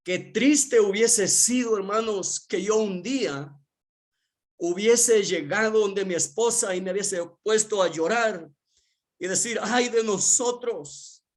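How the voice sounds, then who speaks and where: Slow, earnest preaching pastor, man. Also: high-pitched. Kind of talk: sermon testimony.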